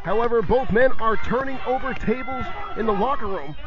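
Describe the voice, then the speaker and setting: A man calling a live wrestling match as play-by-play announcer, in an excited, dramatic and emphatic arena announcer manner. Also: extremely high pitch, fairly quick. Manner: dramatic, emphatic storytelling delivery. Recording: dull lo-fi audio amid loud crowd. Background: loud live crowd.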